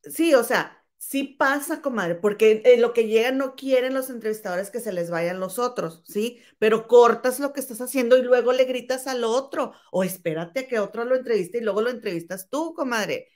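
A woman's voice: a little high, moderate pace, few pauses, a little mellow. A Mexican woman co-hosting a casual gossip chat, indignant, reading out viewer comments and calling her co-host "comadre".

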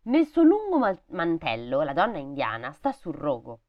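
A woman's voice: low voice, huge pitch swings, moderate pace, lo-fi sound. A woman reading a fairy tale aloud, breaking off with sarcastic, swearing comments. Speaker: storybook reader.

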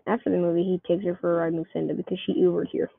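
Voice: mid-range voice, little pitch movement, racing, vocal fry, husky, no echo. A person reading a homemade comic story aloud, keeping the characters' voices close to their own. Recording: tinny phone-like dry recording.

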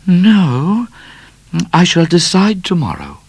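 A man's voice: high-pitched, wildly swooping pitch, slow pace, slightly rough, no echo, pitched above the performer's own voice, heavily acted. A man reading a storybook aloud and voicing a proud, prim young lady who takes offence easily. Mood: prim indignant. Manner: prim, indignant, genteel.

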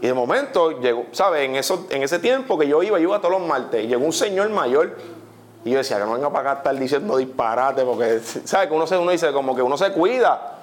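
A young man with a Puerto Rican accent preaching a testimony sermon, animated, often saying "literally" and putting questions to his listeners. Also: a little high, a little fast, a little hiss or hum. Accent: Puerto Rican Spanish.

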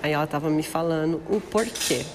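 A woman's voice: deep voice, a little fast, background noise. Chatty, teasing Brazilian woman podcaster. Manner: chatty, slangy, teasing, laughs easily. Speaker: podcast host. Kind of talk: casual gossip chat.

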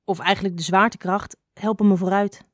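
A woman's voice: medium pitch, steady tone, fairly quick, dry recording, close to an everyday voice. A touchy, outspoken little girl snake from a children's storybook, voiced by a woman reading aloud. Her lines come out curt and direct, with a dry close sound. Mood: blunt. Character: young girl snake with weak muscles, prickly and blunt.

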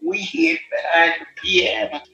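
A very old woman recalling childhood memories in a slow, halting archival interview. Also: fairly low pitch, sing-song, lo-fi sound, music in the background. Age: older. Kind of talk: oral history recollection. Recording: echoey archival interview recording.

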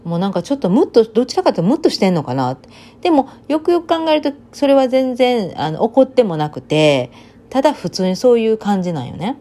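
A woman with a Kansai Banshu dialect accent, chatting through a casual solo monologue with lively storytelling and sudden dialect outbursts. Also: fairly high pitch, fast talker. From Kansai region of Japan. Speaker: vlogger.

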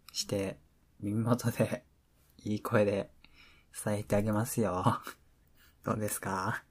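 Breathy Kansai boyfriend, acted by a man, ASMR role-play pillow talk. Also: lowish voice. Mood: playful coaxing. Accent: Kansai Japanese. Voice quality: breathy, soft, often dropping into speaks softly. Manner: playful, coaxing, mock-hurt. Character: teasing, affectionate, slightly needy boyfriend at bedtime.

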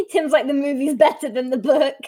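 A woman's voice: high voice, darkish tone. A woman in her twenties hosting a podcast in casual chat, chatty, laughing often and trailing into fillers. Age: 20s. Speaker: podcast host.

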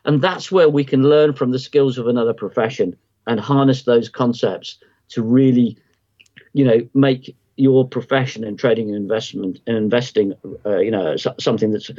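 A man talks as a podcast guest, explaining ideas at length and circling back with plenty of ums and false starts. His voice sits at an ordinary middle pitch. The audio is a little dull and lo-fi, like a remote call. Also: fairly even intonation, normal speed, mellow. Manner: rambling, many ums and restarts. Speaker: podcast guest, market timing analyst. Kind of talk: conversational explanation.

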